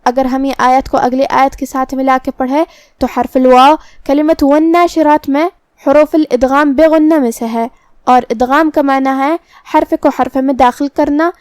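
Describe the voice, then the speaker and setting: A woman teaching Quran recitation rules, explaining pronunciation in a slow, methodical and precise way. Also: high-pitched, darkish tone, dry recording, clean studio sound.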